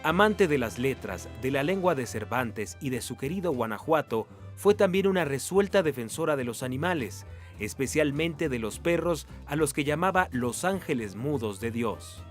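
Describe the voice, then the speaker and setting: Man, scripted news narration, formal, steady, soft music behind. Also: medium pitch, normal speed. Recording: voice-over with faint music.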